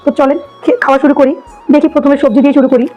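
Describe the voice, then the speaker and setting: A hoarse woman with a cold, chatting enthusiastically as she tastes food for her vlog. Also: high-pitched, little pitch movement, rapid-fire, muffled recording, soft background music. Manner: chatty, enthusiastic, repeats herself. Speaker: food vlogger. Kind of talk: casual food-tasting vlog.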